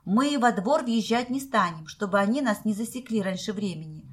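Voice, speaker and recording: A woman's voice: mid-range voice, animated, normal speed, husky. A woman reading the part of a genial middle-aged man, jovial and teasing, in a storybook.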